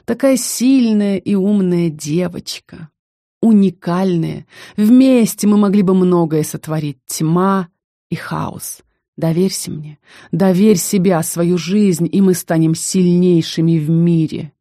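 Female narrator doing a menacing, mocking necromancer man in an audiobook; low warm voice, close and dry. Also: slow, no room sound. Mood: coaxing. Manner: mocking, coaxing. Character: menacing male necromancer magister, cruel and scheming.

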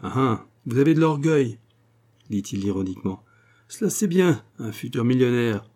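A man's voice: lowish voice, animated, normal speed, dark tone, breathy edge. A man voicing a cold, sarcastic small-town notary in an audiobook, speaking in an icy, cutting, ironic tone. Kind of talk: audiobook character reading.

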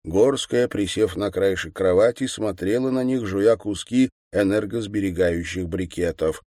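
A man narrating an audiobook in a calm, even reading manner. His voice is low and sits close to the mic in a dry, deadened space. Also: a little slow, no room sound.

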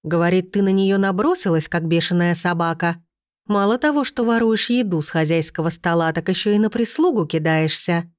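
Low-voiced woman narrating an audiobook. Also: a little fast, no echo, clean studio sound. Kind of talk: first-person audiobook narration.

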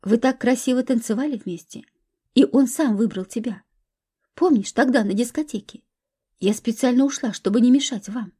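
A woman's voice: on the high side, moderate pace, dark tone, husky. A woman voicing a caring, protective young woman in a storybook reading, speaking earnestly. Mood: concerned.

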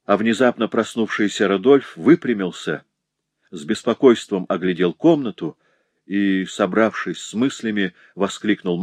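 A man narrating an audiobook in a measured, expressive reading. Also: fairly low pitch, no room sound. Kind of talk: scripted narration.

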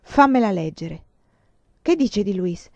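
A woman's voice: mid-range voice, animated, slow, no echo. A woman voicing Vinca, desperate young woman. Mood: insistent. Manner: pleading, insistent. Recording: dull lo-fi recording.

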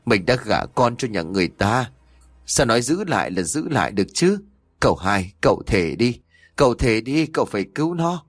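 A man's voice: medium pitch, big pitch swings, moderate pace, no room sound. A man reading the lines of an old village father who scolds and pleads with remorse. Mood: angry.

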